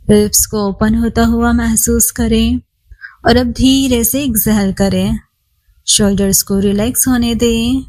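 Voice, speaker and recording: Over a rough recording, a woman with a voice on the high side takes the listener through a body scan meditation very slowly. She stays calm and soothing, asking the listener to relax and letting long, unhurried pauses fall between her words.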